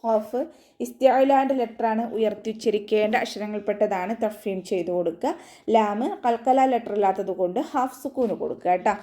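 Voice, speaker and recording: A woman's voice: medium pitch, a little fast, warm tone. A woman teaching Quran recitation in an online lesson, explaining pronunciation patiently, step by step. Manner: patient, step-by-step instruction with frequent tag questions.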